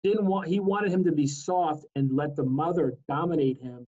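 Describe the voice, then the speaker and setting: A man's voice: a little high, warm tone. Easygoing man, slightly raised voice, lo-fi. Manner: easygoing storyteller, halting fillers. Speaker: co-host. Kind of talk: casual chat. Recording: dull lo-fi sound.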